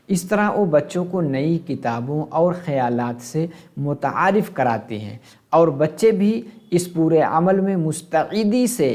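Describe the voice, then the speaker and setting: A man's voice: a little high, darkish tone. A man teaching an exam-prep lesson, asking questions and answering them himself and glossing terms in English.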